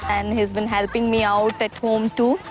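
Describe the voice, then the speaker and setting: Even-toned mother. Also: medium pitch, normal speed, over music. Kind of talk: casual interview.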